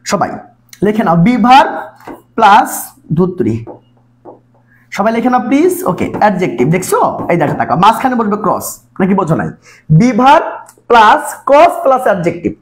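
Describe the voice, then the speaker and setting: A man teaching a live online exam-prep English class, coaxing students with constant repeated questions. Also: very high voice. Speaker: English tutor.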